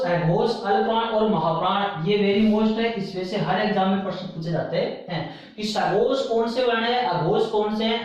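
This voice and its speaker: A man's voice: sits high, very echoey, far from the mic, low-quality recording. A man teaching an exam-prep grammar lesson, repeating terms and counting items aloud.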